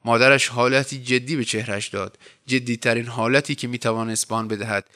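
A man narrating a translated short story in a measured literary reading. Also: medium pitch, fairly even intonation, bright, forceful tone. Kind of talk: scripted audiobook narration.

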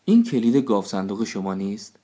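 A man's voice: lowish voice, big pitch swings, warm tone. A man voicing the clever, practical wife of a foolish council head in a storybook reading, speaking in a matter-of-fact way.

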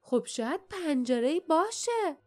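A seasoned guard speaks firmly and decisively in a fairly high, plain voice. A woman reads him as part of an audiobook. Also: very animated, soft background music. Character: sturdy, steady grown man, a seasoned guard.

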